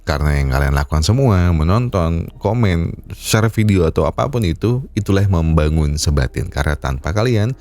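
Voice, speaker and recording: Low low stuffy voice guy with a cold, folksy film recap host giving chill advice. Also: expressive, normal speed, no room sound, faint music behind. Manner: folksy, gently advising, self-deprecating. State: nasal and congested from a cold. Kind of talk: scripted film recap narration and casual outro.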